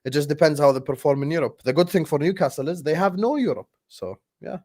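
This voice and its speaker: A young adult man co-hosting a casual football live stream, relaxed and matter-of-fact, with some teasing. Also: a little high, quick pace. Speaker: football channel co-host.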